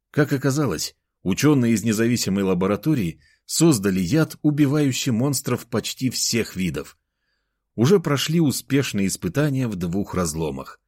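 A man's voice: fairly low pitch, darkish tone, dry recording, clean studio sound. A man reading a first-person novel aloud as an audiobook narrator.

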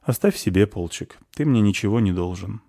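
A man's voice: lowish voice, lively intonation, fairly quick, vocal fry, dark tone, no echo. A man playing a dry, unsentimental noble. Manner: dry, matter-of-fact.

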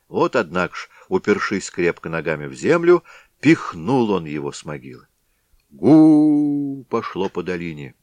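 A man's voice: sits low, dry recording. A man reading a storybook aloud as narrator, telling the tale expressively.

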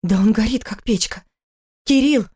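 A sharp-tongued wife and mother, sarcastic and scolding, her voice pitched up and pushed louder, as a woman narrator plays her. She sounds urgent and bossy in a storybook reading. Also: brisk, lightly acted. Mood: alarmed.

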